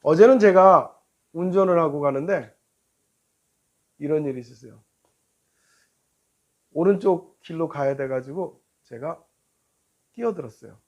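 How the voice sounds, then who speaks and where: A male pastor giving a sermon, telling a road-rage story in an animated way and acting out both drivers. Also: on the high side, a little slow, long pauses, muffled recording.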